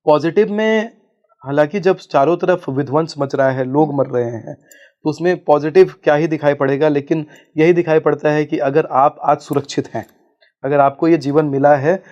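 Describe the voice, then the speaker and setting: A man's voice: on the high side, darkish tone, muffled recording. A man speaking as a spiritual guest in an interview, explaining at length and reciting Sanskrit verses. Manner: expounding, chants Sanskrit verses.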